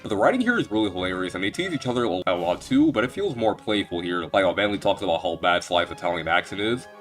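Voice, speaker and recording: Fast-talking young man rambling about games. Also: deep voice, animated, fairly bright tone, faint music behind. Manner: rambling, joking, many restarts. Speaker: video game reviewer. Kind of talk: casual video game retrospective.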